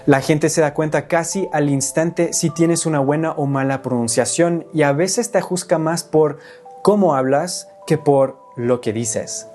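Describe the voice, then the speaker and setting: A man's voice: on the high side, measured pace, darkish tone, soft background music. Young man teaching, English native. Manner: clear, step-by-step explaining. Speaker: language teacher and video host. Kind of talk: scripted lesson to camera.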